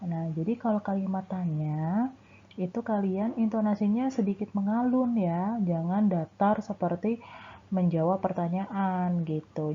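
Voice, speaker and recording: Lady teacher explaining to little kids, friendly, lowish voice, sounds like over a phone. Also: breathy edge, phone-quality sound. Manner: friendly, explains step by step, addresses pupils. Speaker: primary school teacher. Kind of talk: online classroom lesson.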